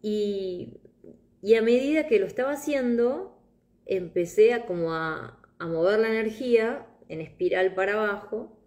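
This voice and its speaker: A middle-aged woman, giving a live meditation talk in a soft, reflective way, telling personal stories. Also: mid-range voice, measured pace. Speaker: meditation guide.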